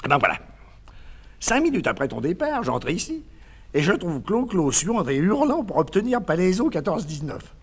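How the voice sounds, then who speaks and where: A fussy, doting soft-hearted man. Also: high voice, big pitch swings, moderate pace, husky, heavily acted. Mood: coaxing, playful. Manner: tender, fussing and chattering. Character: doting, fussy, naive middle-aged man. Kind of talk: 1950s recorded stage comedy.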